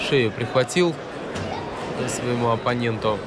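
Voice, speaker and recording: A man from Russia giving live MMA commentary in halting phrases. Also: mid-range voice. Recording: loud crowd and venue noise behind.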